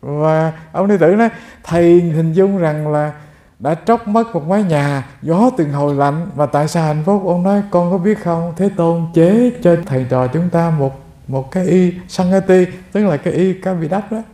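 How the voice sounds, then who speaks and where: A Buddhist monk gives a Dharma talk in a mellow voice on the high side, at a moderate pace. He tells stories and speaks directly to his listeners, and the sound is reverberant.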